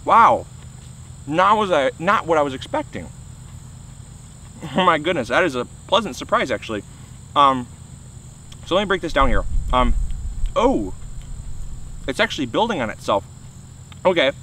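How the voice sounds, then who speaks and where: A man's voice: a little high, big pitch swings, moderate pace, pauses often, sharp tone, slight background noise, rough recording. Man talking with his mouth full. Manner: chatty, enthusiastic. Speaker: gardening channel host. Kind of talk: casual vlog. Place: outdoors in a garden.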